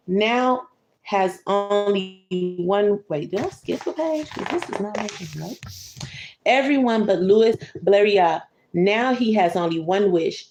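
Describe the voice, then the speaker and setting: In a reverberant, low-quality recording, a woman with a mid-range, slightly mellow voice reads a bedtime picture book aloud. She chats with the child as she goes, pausing to explain the illustrations and make offhand remarks.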